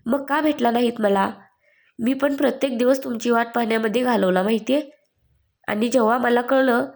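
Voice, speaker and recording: A woman voicing an emotional, quick-tempered young woman who scolds fast and breaks into sobs. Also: a little high, gravelly, darkish tone. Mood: sobbing. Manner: rapid, scolding then sobbing speech.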